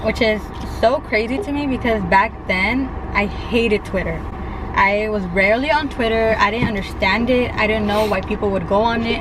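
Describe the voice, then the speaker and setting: Chatty young california woman vlogging outside, cars and street noise all around. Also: medium pitch. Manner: chatty, rambling, lots of likes and restarts. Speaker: vlogger co-host. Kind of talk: casual couple vlog storytelling. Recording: outdoor traffic noise behind. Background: street and car noise.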